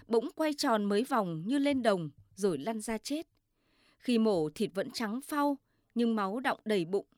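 A woman narrating a story in a measured, steady reading. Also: mid-range voice, no room sound, studio quality.

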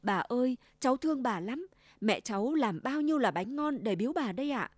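Cheerful little girl in red, voiced by a woman, raised high pitch, polite and eager, storybook, dry close sound. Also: animated, fairly quick, no room sound. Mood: sweet.

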